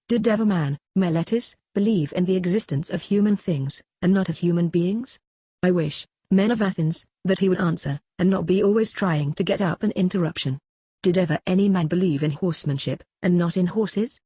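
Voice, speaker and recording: A reader voicing an aged philosopher on trial, cross-examining his accuser in a measured, questioning way in a dramatic reading. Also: medium pitch, mellow, slightly rough, no room sound, lightly acted. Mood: probing. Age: older. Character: aged male philosopher on trial, probing, ironic. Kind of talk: dramatic reading of a classical dialogue.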